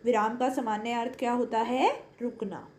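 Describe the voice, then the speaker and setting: A woman teaching a Hindi class to children, explaining slowly and repeating points, asking questions and answering them herself. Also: on the high side, steady tone, reverberant, noisy background. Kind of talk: online class lesson for children.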